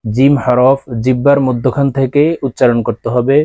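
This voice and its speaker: A man teaching Arabic letter pronunciation, with a Bangladeshi Bengali accent, explaining calmly and then drawing out each letter in long sung tones. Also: mid-range voice, dry recording. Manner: slow, drawn-out sung letter sounds between calm explanations. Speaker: Quran teacher.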